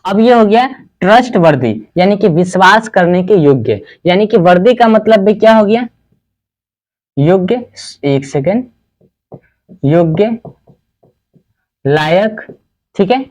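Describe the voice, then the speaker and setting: A man's voice: high-pitched, animated, darkish tone. Male teacher quizzing his class. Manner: asks the class questions and answers them himself; spells words out letter by letter, slowly. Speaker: English teacher. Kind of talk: spoken English lesson in Hindi.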